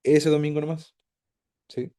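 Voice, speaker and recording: Man, mellow warm voice, lively teacher asking questions. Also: a little high, unhurried. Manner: animated, asks the class many questions. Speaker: Bible study teacher. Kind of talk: casual teaching to a group.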